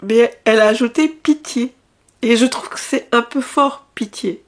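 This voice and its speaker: A woman's voice: on the high side, unhurried. A woman vlogger chatting casually, rambling and laughing often, with many restarts. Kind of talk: casual chat.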